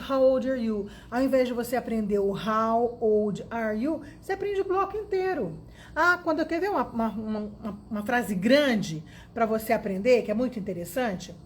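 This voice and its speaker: A woman teaching English in a casual video lesson, talking lively and directly to the viewer. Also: a little high, slight background noise. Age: 50s.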